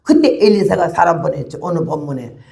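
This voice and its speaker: An elderly woman in her eighties delivers a lively testimony sermon as a missionary preacher. Her voice is gravelly and textured. She keeps the story moving with animated pacing and a steady run of rhetorical questions to her listeners. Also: deep voice, brisk. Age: 80s.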